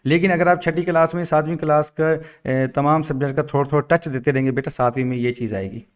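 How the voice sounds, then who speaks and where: A man's voice: on the high side, fairly even intonation. A man teaching how to teach the Quran. He talks to other teachers, sometimes speaks to a pupil, and draws out syllables while spelling letters patiently. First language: Urdu. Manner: explains patiently, drawn-out syllables when spelling. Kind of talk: instructional talk to teachers.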